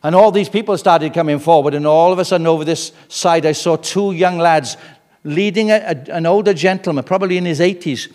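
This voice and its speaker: Preacher in a reverberant church. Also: male voice, a little high, fairly quick. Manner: swings from loud urgent emphasis to hushed intimate tones. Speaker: guest preacher. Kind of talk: sermon.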